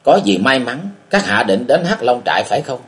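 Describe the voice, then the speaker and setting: Frightened middle-aged village woman, pleading and fearful, lively pitch, audiobook role read by a man. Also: moderate pace, lightly acted. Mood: wary.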